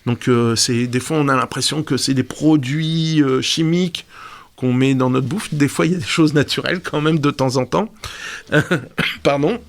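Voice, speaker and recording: A man's voice: medium pitch, normal speed. A man presenting a segment on a radio show, explaining things casually and hesitantly, with many fillers.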